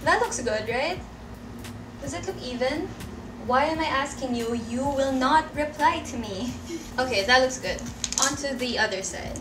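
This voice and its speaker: Young woman vlogger from the Philippines, higher voice, self-mocking, in an echoey home room with the mic a bit far off. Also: animated, moderate pace, noisy background. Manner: self-mocking, talks to the camera, swears, laughs often. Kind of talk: casual home vlog.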